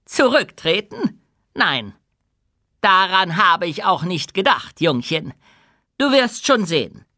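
A commanding dwarf queen booms out a rousing speech to her people in an audiobook, as a male narrator puts her on. The voice sits high and bright, and the room is close and dry. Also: big pitch swings, slow, long pauses, no room sound, exaggerated voice. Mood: laughing, scornful. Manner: loud, proud, rousing oratory. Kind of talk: audiobook character voice.

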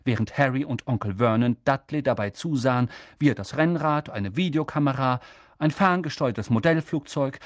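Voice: medium pitch, darkish tone, dry recording, clean studio sound. An audiobook narrator reading a story expressively and voicing its characters.

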